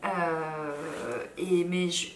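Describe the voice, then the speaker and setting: A woman in her thirties talks casually to her viewers, tired and rambling with fillers and quick asides. Her voice sits a little low. The sound is roomy and picked up from a small distance. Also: slight background noise. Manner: chatty, many fillers, animated asides. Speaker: lifestyle vlogger. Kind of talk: casual chat to camera. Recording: roomy echo, mic a bit far.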